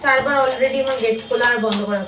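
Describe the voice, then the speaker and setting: A woman's voice: sits high, fairly even intonation, quick pace, fairly bright tone. A tired woman chatting casually to her viewers in a home vlog, complaining about chores and lost sleep. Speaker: family vlogger. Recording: echoey room, distant from mic, noisy.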